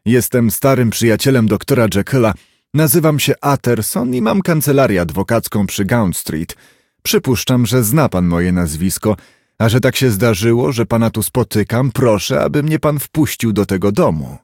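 A man reading an audiobook, voicing a dignified middle-aged lawyer who speaks in a formal, measured, insistent way. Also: medium pitch, expressive, darkish tone, dry recording, studio quality. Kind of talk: audiobook character voice.

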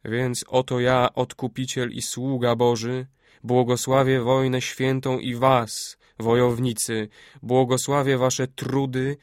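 A man's voice: mid-range voice, no room sound, studio quality, close to an everyday voice. A man voicing a solemn preaching prophet. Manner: slow, solemn, declaiming. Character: a male Sudanese prophet preaching holy war.

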